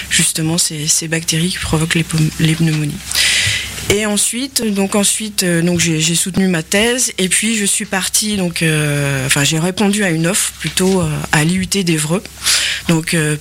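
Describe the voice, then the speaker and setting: A woman's voice: fairly low pitch, slight background noise. A middle-aged woman from France, a university lecturer and researcher, answering interview questions in a hesitant way with many fillers and restarts.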